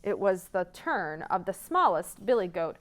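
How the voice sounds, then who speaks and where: With a sing-song, medium-pitched voice and a measured pace, this storytime host, a children's librarian, tells interactive stories and nudges young listeners along by asking them questions.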